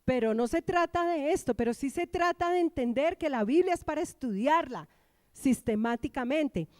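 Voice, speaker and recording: A woman pastor from Colombia preaches with emphatic rises and drops. Her voice sits high and is heard close and dry, with little room sound. She keeps prompting the congregation to repeat her lines. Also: expressive, moderate pace, darkish tone, dry recording. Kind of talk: sermon. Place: church.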